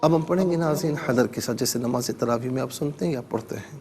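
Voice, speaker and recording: A man's voice: mid-range voice, a little mellow, a little hiss or hum. A man hosting a religious TV lesson, explaining grammar step by step and spelling out letters and vowels one by one, sometimes chanting long melodic recitation, on a studio microphone. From Pakistan. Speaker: Quran teacher and show host.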